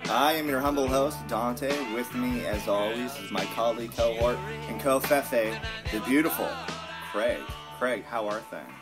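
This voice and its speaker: A man's voice: mid-range voice, moderate pace, music in the background. A man co-hosting a comedy chat podcast, announcing with playful, theatrical flair. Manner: playful, theatrical announcer delivery with frequent laughs. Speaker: podcast co-host.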